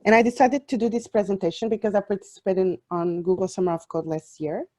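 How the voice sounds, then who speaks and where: Soft-toned woman from Portugal presenting. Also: medium pitch, steady tone, fast. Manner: hesitant, many fillers and restarts. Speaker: software developer giving a talk. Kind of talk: online presentation.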